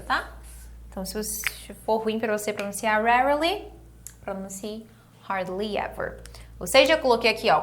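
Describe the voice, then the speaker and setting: A young woman with a Brazilian Portuguese accent is giving an online English lesson, saying words slowly so her students can drill them. Her voice sits in the middle range with a fairly bright tone, and there's slight background noise.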